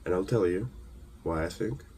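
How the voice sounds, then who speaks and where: A Ukrainian motivational speaker delivers an earnest, emphatic monologue, pausing between phrases and throwing out rhetorical questions. His voice is low and dark, and there's a little hiss or hum on the recording.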